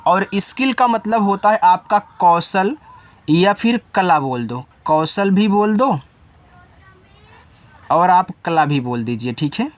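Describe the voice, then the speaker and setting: Animated yet slow-paced, an English teacher with a medium pitch leads a step-by-step spelling lesson. Every word gets spelled letter by letter before an informal explanation directed at the learner.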